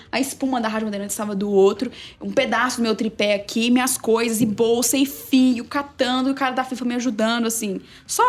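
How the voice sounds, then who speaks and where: A woman sports journalist and narrator, a guest telling a story with quick, emphatic energy in a casual interview. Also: on the high side.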